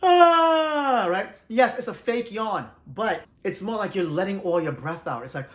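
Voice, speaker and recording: A middle-aged man telling his singing story in a loose, animated, conversational way, teaching as he goes. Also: high voice, normal speed. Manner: animated, self-described shy introvert, loose and conversational. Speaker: vlogger sharing singing tips. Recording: roomy echo.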